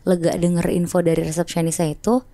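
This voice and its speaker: A woman's voice: fairly low pitch, little pitch movement, fast talker, mellow, no room sound. Chatty woman telling horror stories. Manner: chatty, slangy, vivid sound effects. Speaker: podcast storyteller. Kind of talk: casual horror storytelling.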